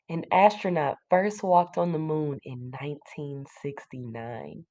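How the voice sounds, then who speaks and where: A teacher with a fairly low-pitched, darkish voice reads a children's book to a class of young listeners, pausing for simple explanations and questions.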